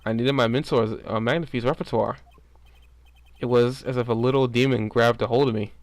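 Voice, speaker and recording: A man's voice: mid-range voice, steady tone, normal speed, no echo, close to an everyday voice. A man voicing a remorseful stage magician in a video game, with grandiose, formal phrasing. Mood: bitter resignation. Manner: grandiose, old-fashioned phrasing.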